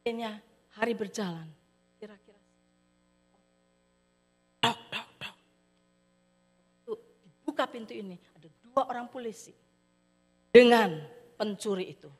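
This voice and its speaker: A woman preacher telling a story in a sermon, animated, acting out the characters' voices. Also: fairly high pitch, unhurried, pauses often, breathy edge, soft background music. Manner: animated, acts out characters' voices, addresses listeners as "saudara". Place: church hall. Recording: long hall reverb.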